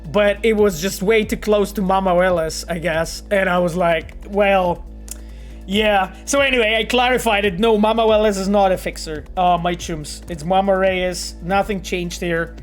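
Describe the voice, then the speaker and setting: A Polish game developer with a high voice streams live, reading out viewer messages at a moderate pace over faint music. He's animated and rambling, full of fillers, repeated words and laughs.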